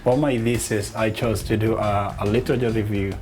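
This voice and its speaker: A man's voice: on the low side, fairly even intonation, a little fast, darkish tone, faint music behind. A man from Somalia, a medical student, telling his story in an interview with many hesitant fillers. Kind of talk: interview testimony.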